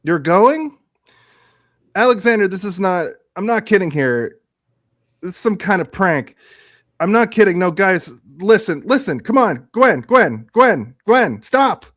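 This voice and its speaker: A man playing an excitable, boastful washed-up space-show actor in a radio theatre piece, pleading insistently and repeating himself. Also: high-pitched, a little slow, dry recording, studio quality.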